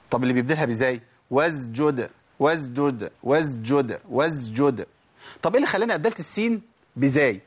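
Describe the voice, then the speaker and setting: An Egyptian man teaches Quran pronunciation in a slightly high voice. He keeps asking himself rhetorical questions, then sounds out each letter slowly and several times over. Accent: Egyptian Arabic. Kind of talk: tajweed lesson.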